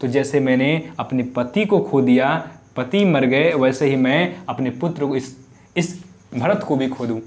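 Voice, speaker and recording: A man's voice: mid-range voice, unhurried. A male teacher explaining a Hindi poem line by line. He keeps repeating phrases, glosses hard words, and asks the class questions that he then answers himself. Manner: repeats phrases while glossing word meanings.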